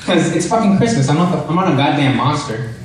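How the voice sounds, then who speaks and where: A young man performs stand-up in a very reverberant room, heard from well back from the microphone. He rambles through his material in a halting, self-deprecating way, swearing casually. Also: fairly high pitch, big pitch swings. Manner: profane, casual. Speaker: stand-up comedian. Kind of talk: stand-up comedy routine at an open mic. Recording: very echoey room, distant mic, faint noise.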